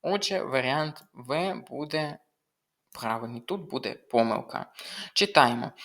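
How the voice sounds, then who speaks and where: A man's voice: medium pitch, fairly bright tone. Young man walking through test answers. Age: young adult. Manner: reads options aloud, explains step by step. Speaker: language tutor. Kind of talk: test walkthrough lesson.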